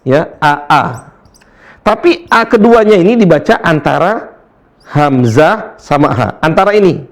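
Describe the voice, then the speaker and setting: Man, recitation teacher, slow delivery, slightly high pitch, casual lesson tone. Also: lively intonation. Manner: explains, then chants verses slowly and drawn out.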